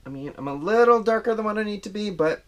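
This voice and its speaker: A man's voice: high voice, lively intonation, fast talker, highs cut off. A man chatting casually through a makeup tutorial at home, rambling and self-deprecating, recorded on an action camera. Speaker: makeup vlogger.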